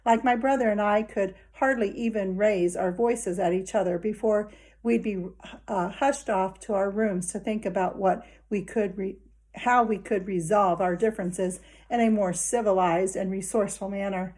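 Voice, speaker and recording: Reading a children's novel aloud, a woman talks right to young listeners in a friendly, conversational first-person way. Her medium-pitched voice is steady, a little mellow, and at normal speed.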